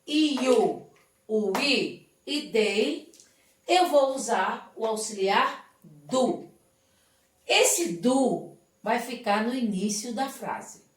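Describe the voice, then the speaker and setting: A woman teaching English, her voice a little high and unhurried. She explains step by step and keeps checking that the class follows. She sits far back from the mic in a room that echoes. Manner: slow, patient, often checks understanding. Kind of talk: remote classroom lesson.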